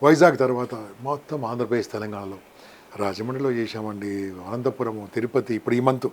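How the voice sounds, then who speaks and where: Rich: An older man talks quickly, piling up lists and acting out short quotes. His pitch sits in the middle, and he tells his story as an interview guest. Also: a little hiss or hum. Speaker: interview guest, motivational speaker. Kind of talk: casual interview talk.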